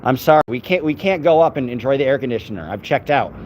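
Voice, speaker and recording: On a casual live stream, a man rambles to his viewers and his dog as he walks the dog along city streets. He talks quickly and expressively at an average pitch, and the handheld phone recording sounds muffled, with faint traffic behind him.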